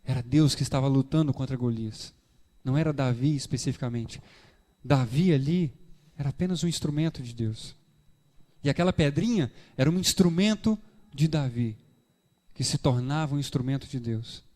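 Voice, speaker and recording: A man preaching a sermon with a Brazilian Portuguese accent, animated, acting out dialogues in shifting voices. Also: medium pitch, normal speed. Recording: reverberant church hall.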